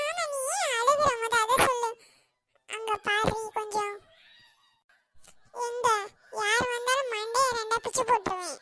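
A woman's voice: extremely high pitch, pushed and bright. A woman voicing a boastful, jumpy young adult daughter in a cartoon, whiny and pleading one moment and full of big boasts the next. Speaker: cartoon character.

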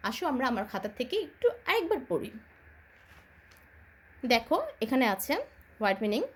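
A woman with a Bangladeshi accent teaching a children's English lesson, spelling words slowly letter by letter and answering her own questions. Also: on the high side, sing-song, slightly rough.

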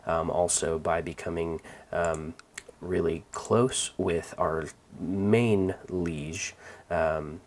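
A man hosting a let's-play, calmly talking through his moves with many ums and restarts. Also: low-pitched. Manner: relaxed, rambling, many fillers and restarts. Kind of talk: casual gameplay commentary.

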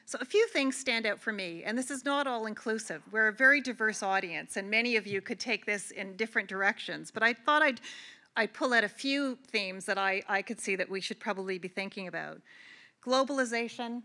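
A woman's voice: mid-range voice, brisk, bright, forceful tone. A middle-aged woman from Canada giving a conference keynote address, talking earnestly and conversationally with frequent restarts. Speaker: keynote speaker. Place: large convention hall.

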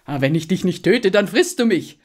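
A woman voicing a brave, quick-tempered young male hunter in a spoken fairy tale. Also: on the low side, lively intonation, darkish tone, voice pushed up. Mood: indignant. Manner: indignant, outraged.

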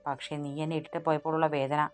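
A woman's voice: low-pitched, level tone, rapid-fire, faint music behind, lightly acted. A woman voicing a hurt young husband in a storybook. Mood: urgent hurt. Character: anxious loving young husband, pressing and hurt.

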